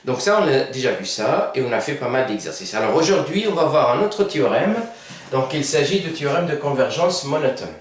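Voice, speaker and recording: A man's voice: medium pitch, sing-song, brisk, far from the mic. Male math tutor, hesitant board-side explainer, very echoey room, mic set back. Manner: hesitant, many fillers and self-corrections. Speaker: math teacher. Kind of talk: whiteboard math lesson.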